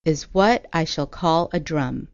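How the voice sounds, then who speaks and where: A woman's voice: low-pitched, measured pace, dry recording. A woman voicing a brave young male warrior who speaks earnestly. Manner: earnest, insistent. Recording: dull lo-fi audio.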